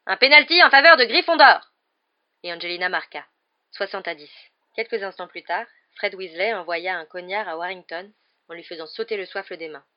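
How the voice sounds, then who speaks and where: A woman reads a novel aloud in a lively storytelling manner, her voice sitting fairly low. The recording is close to the mic but muffled and lo-fi. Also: a little fast. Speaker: audiobook narrator. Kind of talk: scripted narration of a novel.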